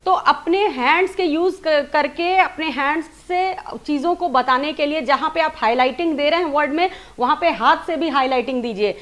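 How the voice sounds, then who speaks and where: A woman with a high voice teaches presentation skills. She explains each point step by step and stops to demonstrate sample lines, leaning hard on the key words. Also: fairly bright tone. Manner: demonstrates lines with stressed words and slow, measured delivery. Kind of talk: spoken lesson on presenting.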